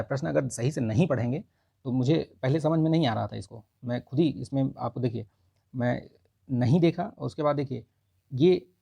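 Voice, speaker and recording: A man's voice: mid-range voice, gravelly, dark tone, breathy edge, dry recording. A man who tutors for exams and goes through answers one by one in a casual spoken lesson, saying "ठीक है" often. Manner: explains answer by answer, says 'ठीक है' often. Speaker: Hindi exam tutor.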